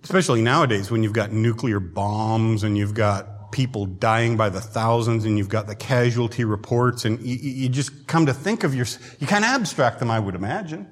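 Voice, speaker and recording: A man preaching a sermon in a conversational way who often clears his throat, in a church hall. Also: fairly low pitch, normal speed, few pauses. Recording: long hall reverb.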